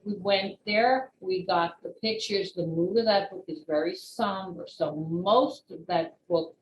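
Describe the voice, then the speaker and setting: A woman with a lowish voice appears as an interview guest, an author carefully detailing her work at a measured pace. The audio is dull, with a roomy echo and faint background noise.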